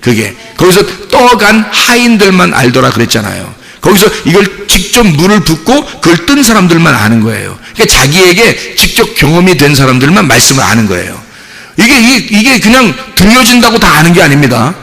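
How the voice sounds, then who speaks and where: A male pastor preaching a sermon, telling his story with lively delivery and acting out prayers and the answers he received. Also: high-pitched, fairly quick, creaky. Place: church sanctuary. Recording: long hall reverb.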